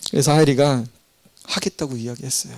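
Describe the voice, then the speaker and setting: A middle-aged man, a pastor, preaching a sermon in a church and telling stories with animated voices. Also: mid-range voice, a little fast, no room sound. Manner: animated storytelling, acting out voices in quotes. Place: church sanctuary.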